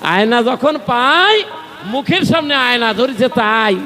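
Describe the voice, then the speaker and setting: High-voiced Bangladeshi preacher man over music. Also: unhurried, in a large hall. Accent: Bangladeshi Bengali. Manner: animated storyteller, asks the audience questions. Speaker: kirtan singer and preacher. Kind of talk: devotional sermon with storytelling. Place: temple gathering.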